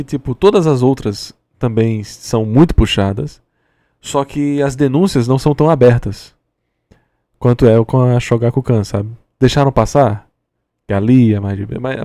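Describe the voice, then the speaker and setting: A Brazilian man with a raspy, smoker-like, sleepy voice, giving casual commentary in a halting way with frequent tag questions. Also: medium pitch, mellow, no room sound. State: sleepy, tired. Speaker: reaction video host.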